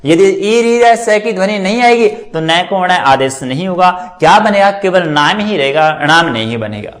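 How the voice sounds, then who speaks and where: Male grammar teacher, high voice, question-and-answer drilling style, repetitive. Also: lively intonation, moderate pace, a bit bright. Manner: asks and answers his own questions; drills word endings by repetition. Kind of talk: classroom lecture.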